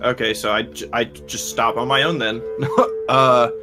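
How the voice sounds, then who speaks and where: A man's voice: medium pitch, fairly even intonation, unhurried, over music. Hesitant young man at a game table. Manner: hesitant, apologetic. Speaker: player. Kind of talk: casual tabletop play.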